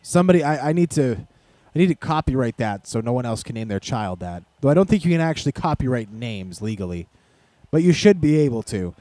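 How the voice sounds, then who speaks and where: A man's voice: medium pitch, very animated, fairly quick, mellow, no echo. A man giving casual, rambling commentary over a football video game, with sarcastic, self-deprecating asides, recorded close on a desk microphone at home. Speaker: gaming commentator.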